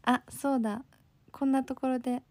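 A woman's voice: sits high, steady tone, normal speed, a little mellow, no echo. Bubbly Kansai woman live-streamer. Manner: bubbly, thanks viewers often. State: sleepy. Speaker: livestream host. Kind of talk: casual live-stream chat reading comments.

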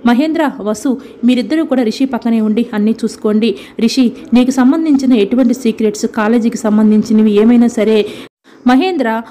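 A woman's voice: fairly high pitch, dark tone, a little hiss or hum, lightly acted. A woman voicing a dying middle-aged mother who speaks sorrowfully and insistently to her son. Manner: sorrowful, urging.

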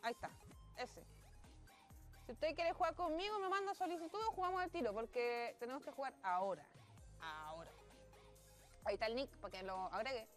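A young Chilean woman hosts a casual gaming stream, chatting playfully, exclaiming and laughing as she plays and reads the chat. Her voice is a little high and fast with lively intonation and frequent pauses, over soft background music.

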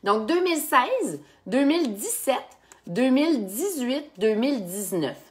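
A woman sommelier speaks with a Québécois French accent in a casual live-stream chat. She is chatty and animated and fills her talk with asides to the people watching her wine quiz. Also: sits high, unhurried. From Quebec. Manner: chatty and animated, with frequent fillers and asides to viewers.

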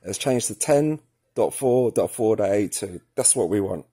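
Filming his hands and a device at an indoor work table, a man talks through a casual tutorial step by step, thinking aloud informally. His low-side voice is expressive, mellow, and slightly rough, at a normal speed.

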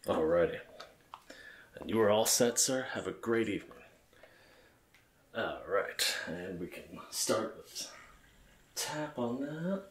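Low-pitched man, slow ASMR bartender role-play. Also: expressive, reverberant, a little hiss or hum. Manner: polite, attentive customer-service patter. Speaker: ASMR gamer playing a bartender.

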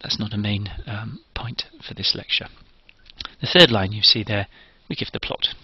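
Man, lecturer, methodical step-by-step explaining, husky gravelly voice, dull dry lo-fi recording. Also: lowish voice, moderate pace, no echo. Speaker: engineering lecturer.

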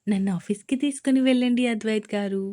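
A woman's voice: on the high side, fast, dark tone, close to an everyday voice. A woman voicing a playful young wife in a romance audio story, coaxing and pouting at her husband.

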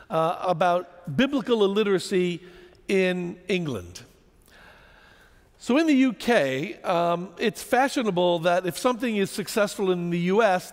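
Man lecturing in a large hall, expressive pitch, long reverb; suits a lively talk. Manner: animated storytelling, rhetorical questions. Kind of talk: public lecture to an audience.

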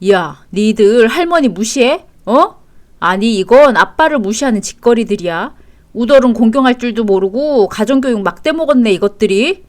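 Woman doing a bossy shouting husband. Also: on the high side, very animated, moderate pace. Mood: angry. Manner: shouting, indignant. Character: angry entitled middle-aged husband, bossy. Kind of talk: storytelling read-aloud.

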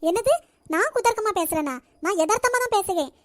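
A sarcastic, grasping cartoon housewife, played by a woman who complains in a Nagercoil Tamil accent. Her voice is extremely high and the talk rushes along. The sound is dry and close. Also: lively intonation, no room sound. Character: sharp-tongued, grasping middle-aged housewife. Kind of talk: cartoon voice acting.

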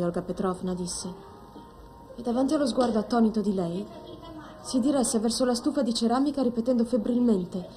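An actress playing a gentle young storybook reader. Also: female voice, on the high side, close to an everyday voice. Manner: measured, expressive storybook reading. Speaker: young woman reading aloud to an older woman. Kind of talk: film drama, reading a story aloud.

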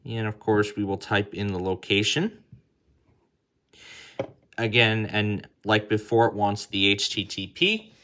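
This man's voice is fairly low and sharp-toned; he speaks unhurriedly with long pauses. Indoors, he hosts a casual app tutorial, reasoning aloud through each step as he works.

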